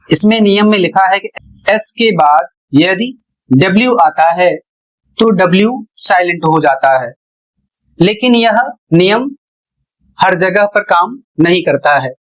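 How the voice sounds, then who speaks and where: A man's voice: high voice, low-quality recording. A man teaching as an English pronunciation teacher, explaining patiently step by step and spelling words out letter by letter. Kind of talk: explanatory lesson.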